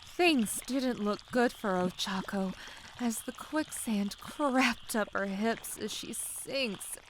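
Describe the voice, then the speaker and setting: In a low-quality recording with a little hiss or hum, a woman with a fairly high voice reads a scripted, dramatic story narration for a comic dub. Faint bubbling mud ambience sits behind her, along with gooey quicksand sound effects.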